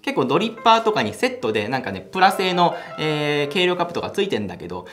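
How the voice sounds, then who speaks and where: In a small home café room, a young man hosting a coffee channel demonstrates brewing with a fast, sing-song voice that sits on the high side and has a fairly bright tone. He chats enthusiastically and laughs as he explains, keeping it a casual how-to. Background music plays throughout.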